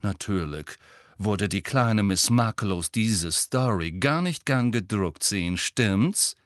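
A man's voice: fairly low pitch, animated, slow pace, no room sound. A man voicing a sly, gossipy middle-aged female tabloid reporter with a wheedling, insinuating manner, in a dry close recording. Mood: scheming. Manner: wheedling, insinuating, mock-sweet.

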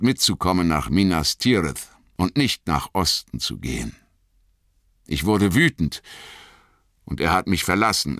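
A man's voice: lowish voice, a bit bright, no echo, studio quality, pitched above the performer's own voice. A man voicing a brooding warrior who speaks hesitantly, guilty and evasive.

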